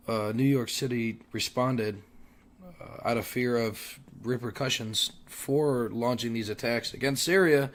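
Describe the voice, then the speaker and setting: A young adult man hosts a solo commentary podcast while sick and losing his voice, which sits at a medium pitch. He clears his throat often, pauses on fillers, and keeps halting to restart his sentences midway.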